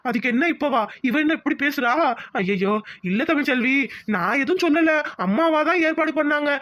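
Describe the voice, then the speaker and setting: A woman's voice: sits high, lively intonation, fairly quick, a bit bright. Woman doing a flustered, apologetic young husband. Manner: anxious, repeats himself. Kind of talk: cartoon voice acting.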